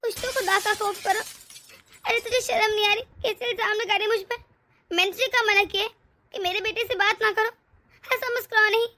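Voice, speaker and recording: Woman playing an old saas in a cartoon, high bright voice, hurt and teary, keeps complaining. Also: steady tone, a little fast, exaggerated voice. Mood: aggrieved. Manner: aggrieved, complaining, tearful. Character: older mother-in-law, tearful and wounded. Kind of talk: animated family drama dub.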